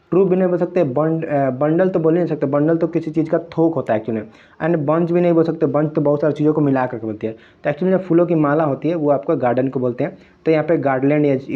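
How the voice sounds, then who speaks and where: A man's voice: on the high side, phone-quality sound. A young man teaching as an exam tutor, going through quiz answers one by one and mixing English terms into his Hindi. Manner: explanatory, repeats phrases, mixes English terms into Hindi.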